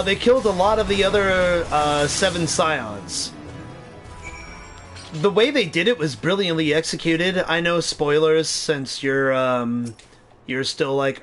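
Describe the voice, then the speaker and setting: A young man streaming a game, chatting casually and excitedly, swearing freely and talking back to the game. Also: on the high side. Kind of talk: casual gaming commentary.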